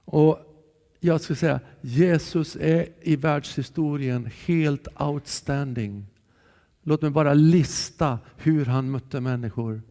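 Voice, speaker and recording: Male preacher, higher-pitched, earnest sermon delivery, long church reverb. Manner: calm, earnest, shifting between soft and raised voice.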